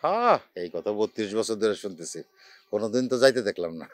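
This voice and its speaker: A man's voice: lowish voice, sing-song, fast, no room sound. An actor playing a stingy, sarcastic older husband bickering with his wife in a TV drama, in colloquial dialect. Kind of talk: TV drama acting.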